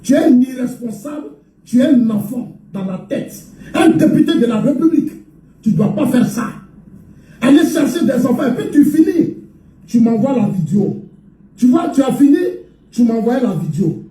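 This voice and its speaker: A man's voice: very high voice, animated, normal speed. Angry guy accusing someone, echoey room, far from the mic, bit of hiss. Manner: accusing, shouting, scornful. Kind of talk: angry recorded video statement.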